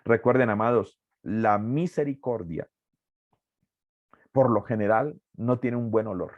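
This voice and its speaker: A man's voice: on the low side, measured pace, no echo, lo-fi sound. A man teaching an evangelism workshop as a preacher, earnest and emphatic, repeating key phrases.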